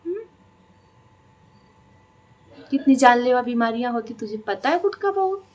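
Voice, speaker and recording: A woman's voice: on the high side, lively intonation, brisk, a little mellow. A woman reaction vlogger delivering a scolding, taunting monologue that is full of rhetorical questions.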